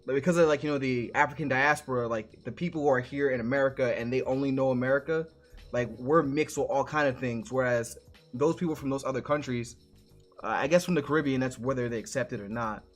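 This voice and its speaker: A man's voice: medium pitch, fast. Male co-host, easygoing and rambling, on a video-call podcast, with music faint in the background. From New York. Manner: relaxed, rambling, thinks aloud with many restarts. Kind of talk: casual live-stream chat.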